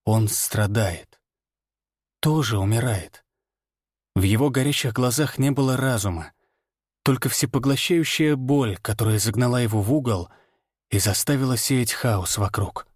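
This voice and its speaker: An audiobook narrator with a mid-range voice reads scripted first-person fiction aloud, keeping a steady, measured delivery. The studio sound is clean, with no room sound.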